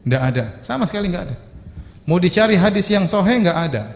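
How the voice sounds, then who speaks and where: Male preacher, emphatic, quizzes the crowd, raised pitch, roomy reverberant hall sound. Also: expressive, fast. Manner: emphatic, repetitive, rhetorical questions to the audience. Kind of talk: sermon. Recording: echoey hall.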